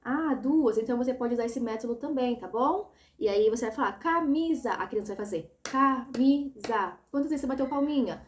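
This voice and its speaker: A woman's voice: on the high side, fast talker, few pauses, a little hiss or hum. A woman explaining an assessment step by step, patiently and often checking that the listener is following. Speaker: educator explaining a child assessment. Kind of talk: instructional tutorial.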